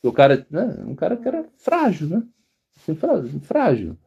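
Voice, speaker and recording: A monk gives a casual spiritual talk, rambling through anecdotes, acting out the people he quotes and laughing often. His voice is fairly high, creaky, warm and slightly rough, with wildly swooping pitch at a normal speed. The recording sounds muffled.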